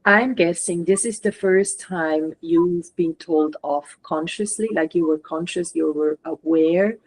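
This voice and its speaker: A woman channeler guiding a participant through a session, talking gently and coaching, often filling in with "like". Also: lowish voice, a little slow, poor audio.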